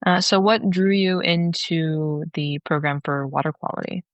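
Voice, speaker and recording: A woman hosting a podcast interview, introducing the guest and asking questions briskly. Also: low-pitched, clear, resonant tone, dry recording, dull audio. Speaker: podcast host.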